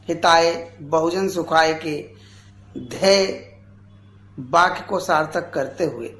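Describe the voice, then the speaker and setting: A man in his forties, a radio guest, giving a formal tribute speech in an earnest, measured way. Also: fairly high pitch, a bit bright, echoey room. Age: 40s.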